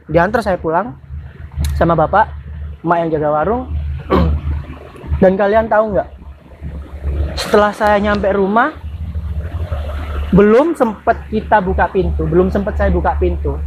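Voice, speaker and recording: A woman telling a story in a casual, chatty way, often tagging sentences with quick questions to the listener. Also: medium pitch, darkish tone, dull audio, a little hiss or hum. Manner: chatty, frequent tag questions, restarts.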